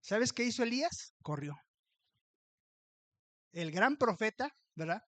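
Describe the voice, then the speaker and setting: A man's voice: high-pitched, very animated, takes it slowly, a bit bright. A male pastor preaches a sermon, telling it like a story and giving each character a voice of its own. He keeps checking in with the congregation as he goes. The sound is dry and close, with little room echo. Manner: storytelling, acting out the characters' lines, often asking "¿verdad?". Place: church.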